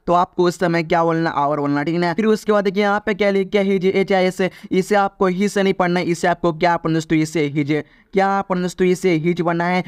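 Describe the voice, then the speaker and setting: A man's voice: sits high, clean tone, no room sound, clean studio sound. A man teaching English pronunciation in Hindi, drilling each word with repeated questions. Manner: repetitive quiz-style drilling with "theek hai na?". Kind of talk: Hindi-language English lesson.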